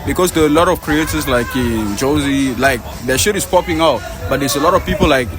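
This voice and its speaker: A young man from Congo talks street fashion in loose, slangy bursts. His voice sits in a middle pitch. Loud music plays behind him outdoors on a city street. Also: fairly quick. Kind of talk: casual street chat.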